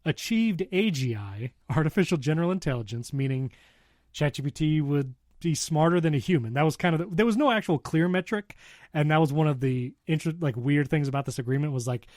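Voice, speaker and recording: A man with a slightly higher voice co-hosts a casual tech show. He chats loosely, laughs often and reads news items aloud. The sound is dry and close, with no room around it. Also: animated, a little fast, darkish tone, no echo. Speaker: podcast co-host.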